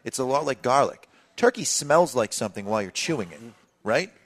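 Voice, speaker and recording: A man's voice: mid-range voice, very animated, brisk. A man co-hosting a casual radio chat, explaining things at ease and joking along. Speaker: radio co-host.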